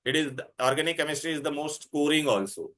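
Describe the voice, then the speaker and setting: A man's voice: on the high side, expressive, fast, a bit bright. A man with an Indian accent teaching a chemistry class, insistently repeating himself, questioning students and mixing Hindi into his English. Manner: mixes Hindi words into English.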